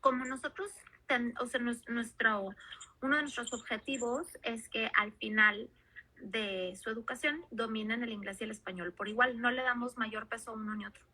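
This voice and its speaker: A woman's voice: fairly high pitch, fairly even intonation, moderate pace, bright, forceful tone, breathy edge. A woman, hosting the interview for her school and chatting as she asks questions. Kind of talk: interview talk.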